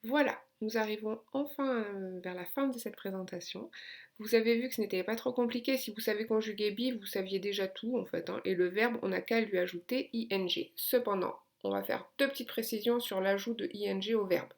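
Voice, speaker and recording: A woman's voice: medium pitch, fairly quick, vocal fry. A woman teaching an English grammar lesson, explaining patiently and stressing key words.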